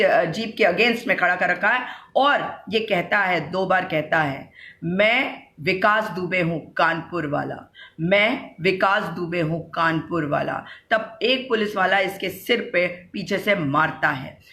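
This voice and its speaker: A woman giving solo political commentary in an earnest, questioning way, pausing often as she thinks aloud. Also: mid-range voice, sharp tone, echoey room. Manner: earnest, questioning, frequent hesitations.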